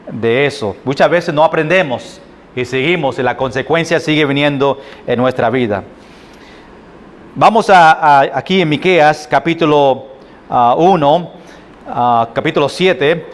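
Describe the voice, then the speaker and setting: A man with a Puerto Rican accent preaching a sermon as pastor, halting often with fillers and restarts. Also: a little high. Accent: Puerto Rican Spanish. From Puerto Rico. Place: church sanctuary.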